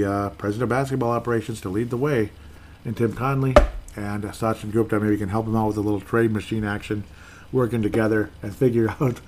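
On his laid-back solo podcast, this host reads listener comments aloud, meandering easily and fixing his own slips as he goes. His voice sits on the low side with a darkish tone, and a bit of hiss or hum is audible.

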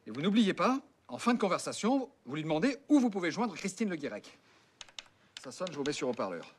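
A man's voice: on the high side, very animated, fairly quick, slight background noise. An impatient, condescending man. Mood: exasperated. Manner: exasperated, patronizing, husky.

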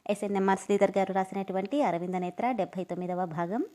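A woman's voice: mid-range voice, fast, dark tone. A woman narrating audio stories, talking chattily and apologetically to her listeners before reading an episode. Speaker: story narrator.

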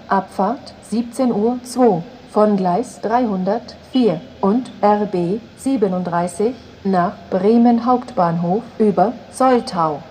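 A woman making flat platform announcements as a station announcer, in a measured, segmented delivery. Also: mid-range voice, a little hiss or hum, rough recording.

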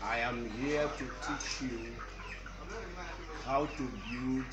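Slow-talking man in an echoey poultry shed. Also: mid-range voice, steady tone. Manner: slow, deliberate, explaining step by step. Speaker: poultry farm instructor. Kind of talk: on-site instructional walkthrough. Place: large poultry shed with tin roof, indoors. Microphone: camera mic, filmed from a few metres. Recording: echoey shed with farm noise. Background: birds and farm ambience.

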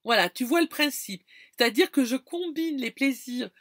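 A woman's voice: sits high, animated, normal speed, no room sound, clean studio sound. A woman from France talking casually to her viewers, explaining things with lots of fillers and restarts. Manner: chatty, many fillers and restarts, addresses viewer directly. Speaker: vlogger. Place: campground.

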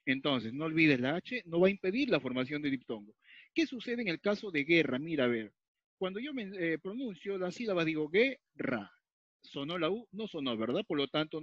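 A man's voice: fairly high pitch, no room sound. A man from Peru teaching a grammar lesson, explaining step by step, repeating key points and often asking if the class follows. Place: at a whiteboard or tablet, writing as he talks. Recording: dull lo-fi dry recording.

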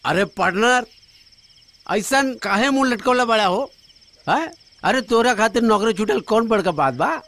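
An actor playing a cheeky, teasing sidekick with a Bhojpuri accent. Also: male voice, high voice, lively intonation, moderate pace, a bit bright. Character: cheeky drinking buddy, scheming sidekick. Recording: film soundtrack with background music.

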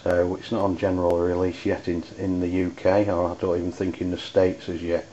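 An Englishman from the United Kingdom, an amateur radio reviewer, gives an unscripted product review in a low, monotone voice with halting delivery. The audio is dull and lo-fi, with background noise.

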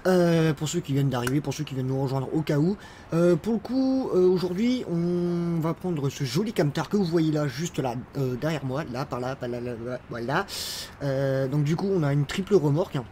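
Chatty gamer, higher voice. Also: male voice, normal speed, mellow, a little hiss or hum. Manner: chatty, rambling, many fillers and restarts; playful, jokey asides. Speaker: gaming YouTuber. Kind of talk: casual gameplay commentary.

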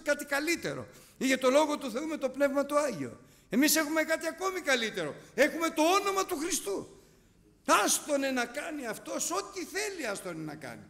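A middle-aged man preaching with a high voice that swings widely in pitch. He tells vivid stories and acts them out with sound effects. The recording carries a long hall reverb. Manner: animated, storytelling with sound effects. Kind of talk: sermon.

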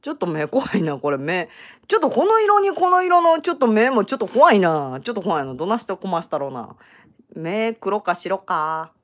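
A middle-aged woman with a Kansai accent, talking on a casual crochet live stream. Her voice sits a little low but rises and falls in wide, lively swings. She teases and jokes in a loose, chatty way. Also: brisk. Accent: Kansai Japanese. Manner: chatty, teasing, joking banter. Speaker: crochet channel host.

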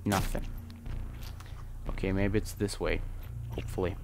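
Loud game music plays under this young man's let's play commentary, which is casual and self-deprecating, with the odd curse aimed at the game. He hosts a gaming channel and speaks in a low, flat, creaky voice at an unhurried pace over a noisy background.

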